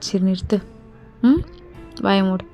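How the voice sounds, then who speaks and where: A woman's voice: medium pitch, takes it slowly, warm tone, faint music behind. A woman voicing a curt, scolding young man. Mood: fed up. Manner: curt, harsh, dismissive. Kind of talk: fan voice drama acting.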